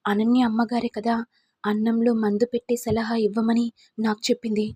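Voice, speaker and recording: A woman's voice: a little high, flat delivery, normal speed, mellow, husky, dry recording. A woman voicing a frightened housemaid who begs forgiveness and explains herself. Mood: pleading. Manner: begging, apologetic. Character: frightened pleading woman servant.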